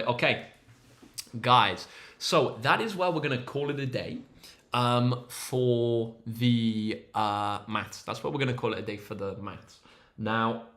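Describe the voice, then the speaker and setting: A man's voice: mid-range voice, bright, forceful tone. A young man, a maths tutor hosting a casual livestream, upbeat and encouraging as he reads out viewers' names from the chat.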